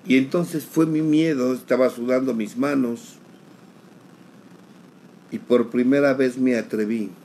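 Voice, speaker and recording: A middle-aged man, giving an emotional personal testimony at a recovery group, slowly, repeating phrases for emphasis. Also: medium pitch, fairly even intonation, dark tone, slight background noise, low-quality recording. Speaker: sharer at a recovery group meeting.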